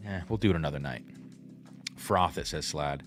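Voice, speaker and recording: Low-voiced man in his thirties. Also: moderate pace, soft background music. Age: 30s. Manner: thinks aloud, reacts to chat. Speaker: host. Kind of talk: casual livestream whiskey tasting.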